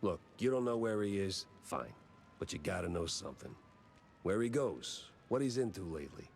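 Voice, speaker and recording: Jack Pepper, gruff noir mouse detective. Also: male voice, low voice, expressive, moderate pace, a little hiss or hum. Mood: terse, probing. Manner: clipped, gruff noir delivery. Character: hard-boiled male mouse detective, war veteran. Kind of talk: cartoon game voice acting.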